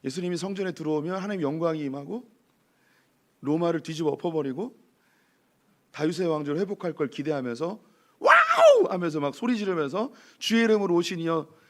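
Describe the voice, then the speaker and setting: Hoarse pastor preaching, slightly high voice. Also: male voice. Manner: lively, addresses congregation with rhetorical questions. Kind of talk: sermon. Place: church sanctuary.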